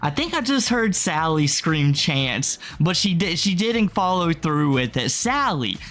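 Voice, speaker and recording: A man's voice: fairly high pitch, big pitch swings, measured pace, fairly bright tone, faint music behind. A man reacting as a streamer, with casual, amused, mocking commentary that slips into acted-out quotes.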